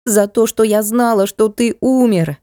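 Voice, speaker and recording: A woman reading an audiobook voices a fiery young noblewoman who shouts in a high, shrill voice. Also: a little slow, no echo, clean studio sound, natural voice. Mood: screaming.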